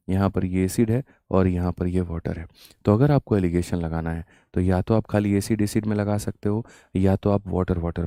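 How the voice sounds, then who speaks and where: A man's voice: deep voice, creaky, mellow, dry recording, clean studio sound. A man with a sore throat teaching a live-streamed maths lesson, asking his students question after question. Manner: addresses students as "mere bhai" and "bachchon", with repetitive rhetorical questions.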